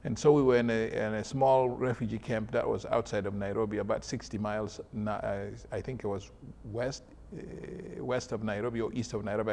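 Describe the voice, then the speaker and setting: Man from south sudan, guest doctor, gravelly voice, hesitant, lots of fillers. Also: on the low side. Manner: hesitant, many fillers, soft-spoken. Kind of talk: interview conversation.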